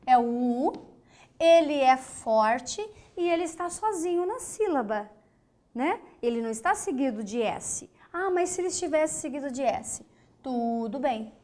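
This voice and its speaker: A woman from Brazil teaching an online grammar lesson, speaking emphatically, asking questions and answering them herself, and spelling words out syllable by syllable. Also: sits high. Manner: slow, emphatic, asks and answers her own questions.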